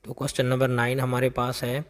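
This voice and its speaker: A man teaching English grammar for a job test, explaining each answer with lots of repetition and reading the English sample sentences out slowly. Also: medium pitch, completely flat delivery, big-room sound. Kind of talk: explaining exam questions.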